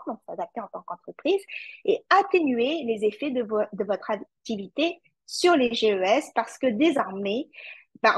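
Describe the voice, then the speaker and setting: Hesitant woman with a French accent, slightly husky. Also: fairly high pitch, no room sound, rough recording. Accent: French (France). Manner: hesitant with many fillers, addresses the audience directly. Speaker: climate consultant presenting a webinar. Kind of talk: webinar presentation.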